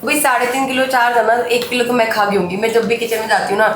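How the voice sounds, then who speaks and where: A woman's voice: on the high side, level tone, quick pace, a bit bright, slight background noise. A woman vlogging in a hospital, joking and playful while reassuring others. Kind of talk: casual vlog chat. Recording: echoey hospital with crowd.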